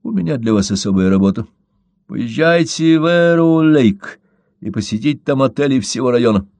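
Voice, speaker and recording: A man's voice: mid-range voice, animated, moderate pace, gravelly, a little mellow, no room sound, pitched above the performer's own voice. A man voicing a curt, commanding male boss who gives clipped orders, in a storybook reading.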